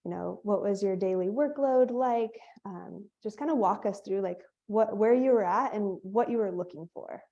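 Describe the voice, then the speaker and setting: A woman's voice: mid-range voice, normal speed, few pauses, dark tone. A woman hosting an interview, upbeat and enthusiastic in a casual way. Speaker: host, training instructor. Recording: dull lo-fi sound.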